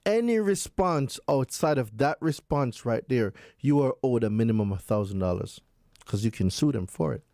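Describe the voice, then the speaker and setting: A man with a Jamaican accent speaks in a mellow, dark tone at a middle pitch. He explains conversationally and emphatically, like an expert teaching his listeners. The sound is close and dry. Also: expressive, moderate pace, no echo. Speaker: guest credit expert.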